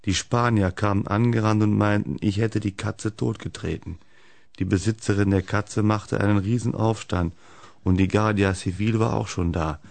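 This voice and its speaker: A man reading the lines of a calm male doctor who tells his own mishap story in a deep voice. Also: normal speed, vocal fry, no echo. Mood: matter-of-fact.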